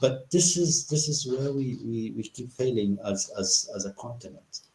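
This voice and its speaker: Impassioned political commentary comes from a middle-aged Ethiopian man interviewed as a guest, his medium-pitched voice darkish and his pace normal. He repeatedly restarts sentences and asks rhetorical questions, recorded in a room with noticeable echo.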